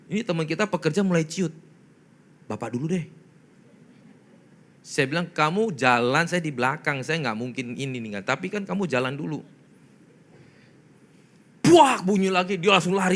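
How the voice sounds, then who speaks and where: A man's voice: medium pitch, sharp tone. A male pastor preaching a storytelling sermon, speaking conversationally to his listeners, asking rhetorical questions and acting out voices and sounds from his story. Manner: addresses listeners as "saudara", acts out voices and sounds in his stories.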